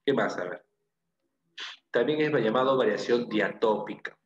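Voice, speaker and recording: A man's voice: mid-range voice, measured pace, echoey room, highs cut off. A man from Peru with a Peruvian Spanish accent teaching a language class, explaining step by step and repeating key phrases, often checking in with "¿no?" and "¿ok?". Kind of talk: classroom lecture.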